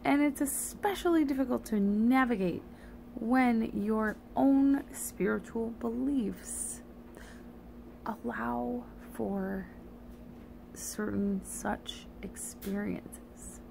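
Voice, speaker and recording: Sleepy, slow-talking woman slurring slightly around a retainer. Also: a little high, vocal fry, warm tone, a little hiss or hum, poor audio. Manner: halting, meandering. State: tired, sleepy. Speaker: vlogger. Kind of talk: rambling confessional monologue.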